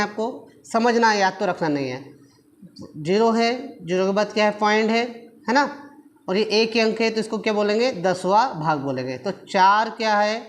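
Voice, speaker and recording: A man teaching a maths class at a board, patiently asking his pupils rhetorical questions and answering them himself, calling them affectionately children. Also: sits high. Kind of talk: classroom lesson explaining at a board.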